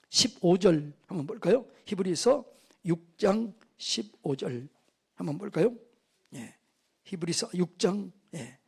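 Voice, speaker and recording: A man's voice: sits high, darkish tone, slightly rough. A man preaching at a church revival meeting, asking the congregation questions and answering them himself. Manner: call-and-response preaching, asks the congregation questions. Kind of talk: sermon.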